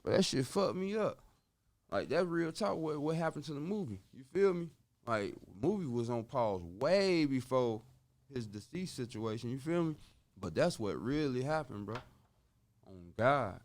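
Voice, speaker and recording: A man's voice: medium pitch, a little slow. A man guesting on a podcast, telling a long story in a casual, profane, slang-heavy way and acting out the voices of the people in it. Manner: animated, profane, slangy, acts out quoted voices.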